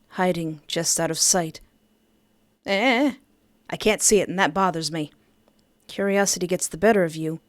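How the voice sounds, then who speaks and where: A woman's fairly low voice comes through with no echo as she streams a dating simulator. Game music sits behind her let's-play commentary, which shifts between read-aloud narration and playful exclamations.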